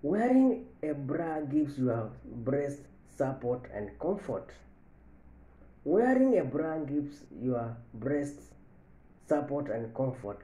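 A man in his thirties giving a health lesson to camera from an office, slowly repeating each point and stressing the key lines. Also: medium pitch, sing-song, mellow. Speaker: medical educator. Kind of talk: health education talk to camera. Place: office with large window, indoors. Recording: echoey room.

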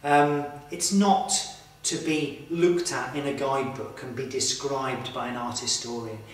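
A man in his thirties presenting to camera in a slow, earnest, reflective way, inside a stone church. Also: medium pitch, steady tone, slight background noise. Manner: slow, earnest, with emphatic pauses. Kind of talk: reflective documentary talk to camera. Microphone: far camera mic. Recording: echoey church from far off.

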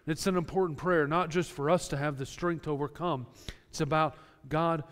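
Earnest preacher in a reverberant church. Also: male voice, fairly high pitch, fairly even intonation, normal speed, fairly bright tone. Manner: earnest preaching with plain everyday examples. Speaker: pastor. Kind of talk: sermon. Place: church sanctuary.

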